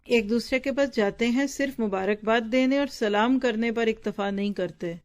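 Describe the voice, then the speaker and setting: Reading to her students from a book, a woman Islamic teacher explains the text in a slightly high, somewhat mellow voice. She talks to them directly and conversationally, pausing for quick questions and answers about word meanings.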